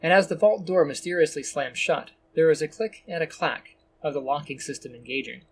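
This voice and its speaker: Brief: male storyteller, slightly raised pitch, steady descriptive reading, faint background noise. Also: brisk. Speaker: narrator. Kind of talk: scripted story narration.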